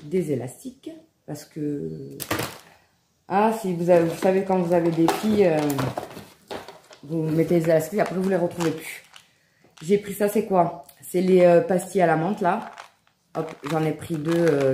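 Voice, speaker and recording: A woman in her thirties chats excitedly through a shopping haul, her voice low and mellow. She fills her talk with little fillers and "hop"s as she goes. The sound is roomy and echoey, with a faint hiss behind it. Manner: chatty, enthusiastic, many fillers and "hop". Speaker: home vlogger showing a shopping haul. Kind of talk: casual haul vlog to viewers. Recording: echoey room with faint background noise.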